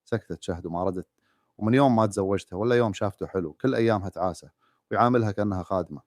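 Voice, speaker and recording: A man narrating a sad story in a rapid, even reading. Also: fairly low pitch, dry recording, clean studio sound.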